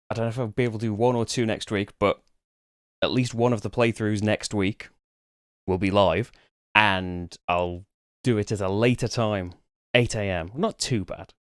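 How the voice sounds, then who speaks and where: A man's voice: mid-range voice, smooth, dry recording, studio quality. A man chatting casually as he opens a live board game stream, rambling and poking fun at himself. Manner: chatty, rambling, self-deprecating. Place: home room.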